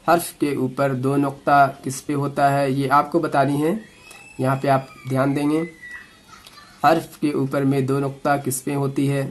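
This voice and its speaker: Slow, patient Quran reading teacher, male. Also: a little high. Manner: patient, repeats each letter slowly and demonstrates sounds. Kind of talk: slow step-by-step lesson.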